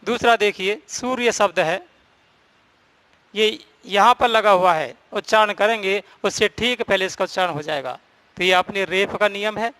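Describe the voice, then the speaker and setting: A man's voice: high-pitched, normal speed, bright, forceful tone. A man teaching a Hindi grammar lesson, explaining rules step by step and repeating the key points.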